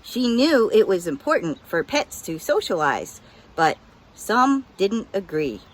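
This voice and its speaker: A woman's voice: mid-range voice, big pitch swings, measured pace. A woman narrating a children's picture book as a scripted story reading.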